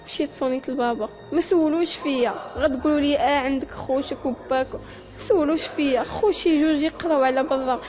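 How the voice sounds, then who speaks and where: A woman's voice: high voice, a little mellow, muffled recording, soft background music. Tearful young Moroccan woman. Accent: Moroccan Arabic. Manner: halting, emotional, often near tears. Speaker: storyteller. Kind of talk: personal story told to listeners.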